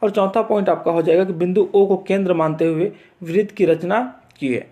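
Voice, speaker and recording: A man's voice: high voice, steady tone, fairly quick, warm tone. A man teaching math, walking students through a board exam assignment step by step and checking in often as he goes. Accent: Chhattisgarh Hindi. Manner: repeats steps with frequent "theek hai" check-ins.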